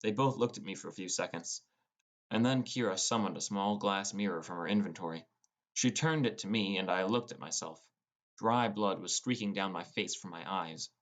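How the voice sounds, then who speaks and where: This audiobook narrator, a man with a low, fairly bright voice, reads scripted first-person fantasy at a moderate pace. Behind him runs a prominent music bed of plucked guitar.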